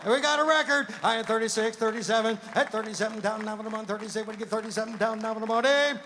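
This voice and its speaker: A man working as a livestock auctioneer, rattling off bids in a rhythmic chant and breaking into loud calls. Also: sits high, very fast, a little hiss or hum. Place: fairground show ring with a crowd.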